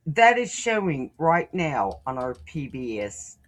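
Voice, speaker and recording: Slow, animated woman podcast co-host. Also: low-pitched. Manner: effusive, stammering restarts, unhurried. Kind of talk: casual podcast chat.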